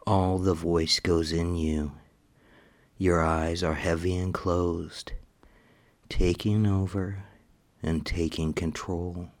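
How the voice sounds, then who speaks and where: A man with a very deep, low voice leads a hypnosis recording. He speaks very slowly and repeats his commands, often sinking into hushed whispers. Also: flat delivery. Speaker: hypnosis audio narrator. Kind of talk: slow scripted hypnotic induction.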